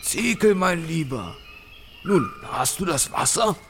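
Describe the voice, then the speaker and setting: An actor playing a kindly old village elder who leans on a cane and speaks in a gentle, patient, teaching tone with a gravelly voice. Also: male voice, fairly high pitch, very animated, slow pace. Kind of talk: audio drama acting. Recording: background music bed.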